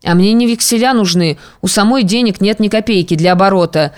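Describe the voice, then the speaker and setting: Reader for a classic tale: smooth, clear tone, middle pitch, slow and deliberate, colloquial storytelling with voiced dialogue. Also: a little mellow. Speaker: audiobook reader.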